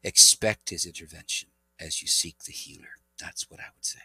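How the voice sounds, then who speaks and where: A middle-aged man, a pastor and interview guest, telling an earnest, animated testimony. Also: deep voice, moderate pace, breathy edge, no room sound, low-quality recording. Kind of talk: interview storytelling.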